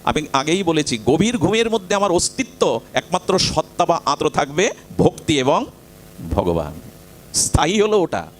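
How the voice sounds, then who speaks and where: A man giving a devotional sermon, telling a story and putting questions to his listeners in an expressive preaching manner. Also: on the high side, normal speed. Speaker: spiritual speaker.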